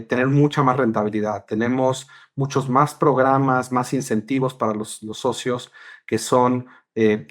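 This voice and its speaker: This is a man answering interview questions as a podcast guest. His voice is mid-pitched, and he often hesitates with fillers and restarts his phrases while explaining. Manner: hesitant, with many "eh" fillers and repeated words. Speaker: podcast guest, regional partner director.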